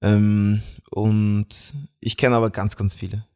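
Chatty young man, low voice. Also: completely flat delivery, darkish tone, clear, resonant tone. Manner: chatty, halting with many fillers and restarts, laughs often. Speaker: guest. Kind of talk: casual interview storytelling.

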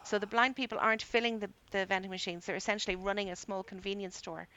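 A woman's voice: mid-range voice, steady tone, quick pace, sharp tone, dull audio. A woman co-host chatting casually and reading listener messages aloud.

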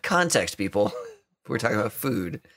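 A man's voice: on the low side, very animated, moderate pace, fairly bright tone. A man with an American accent hosting a gaming podcast, chatty and easygoing, laughing often. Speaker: podcast host. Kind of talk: casual podcast chat.

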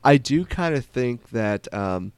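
A man's voice: mid-range voice, lively intonation, slow pace, darkish tone, clear, resonant tone, no room sound. A man musing about movie theories in a casual chat, thoughtful and hedging.

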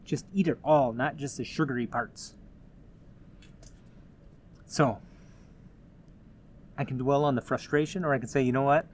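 Male host, mid pitch, earnest and encouraging, casual advice-giving tone, faint background hum. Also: measured pace, pauses often. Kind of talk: casual motivational talk.

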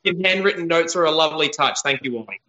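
A man talks in a blunt, casual way, his voice fairly high, bright and forceful. He is on a phone video call over a weak mobile connection, so his voice keeps cutting in and out. The audio is dull and lo-fi. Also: lively intonation, fast. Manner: blunt, swears freely. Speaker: podcast guest, band member. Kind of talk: casual chat.

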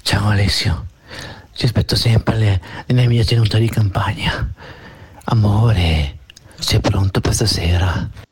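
A man putting on a disguised deep voice as a creepy whispering admirer in a voice message. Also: steady tone, measured pace, a little mellow, natural voice. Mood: creepy seductive. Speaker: listener in a voice message.

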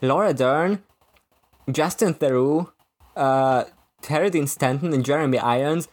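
A man's voice: a little high, unhurried, darkish tone. A man co-hosting a podcast, talking casually about a film and piling up filler words and restarts as he works through his thoughts. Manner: rambling, many filler "like"s and restarts. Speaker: podcast co-host.

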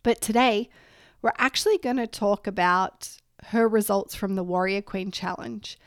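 A woman's voice: medium pitch, normal speed, clear, resonant tone, dry recording, clean studio sound. A woman hosting a podcast, nasal from a head cold, chatting upbeat and laughing often. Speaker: podcast host and strength coach. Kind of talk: casual solo podcast intro.

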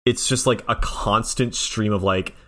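A man's voice: lowish voice, steady tone, measured pace, fairly bright tone. A man rambling casually about a video game, with a habit of imitating game noises. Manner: rambling, fond of silly sound imitations. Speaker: podcast co-host.

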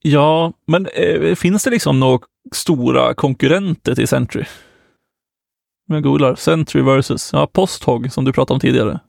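A man's voice: medium pitch, gravelly, a little mellow, no echo, clean studio sound. A man co-hosting a podcast in casual chat, easygoing and laughing often. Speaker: podcast co-host.

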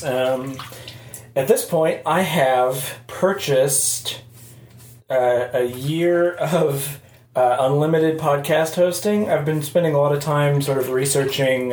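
Slow, halting man in an echoing bathroom. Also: medium pitch, darkish tone. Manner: halting, rambling, informal. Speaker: podcast host. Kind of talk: casual solo podcast monologue. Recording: echoey bathroom, faint background noise. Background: faint noise, sounds of shaving at sink.

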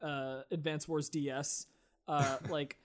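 Higher-voiced man, animated and swearing. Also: measured pace. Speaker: podcast co-host. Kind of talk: casual chat.

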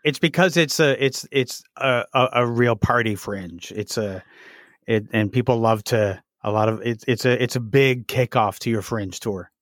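A host talks with a guest in a casual interview. The voice is mid-pitched and recorded dry and close, and the delivery is animated, with frequent stumbles and restarts. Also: normal speed, dry recording.

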